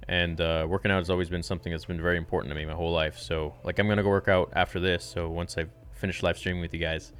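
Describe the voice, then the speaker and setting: Guy, 20s, fitness host, very deep voice, laid-back live Q&A. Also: flat delivery, fast talker, hardly any pauses, fairly bright tone. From Canada. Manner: casual, laid-back, reads viewer questions aloud then answers. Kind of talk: live-stream Q&A chat.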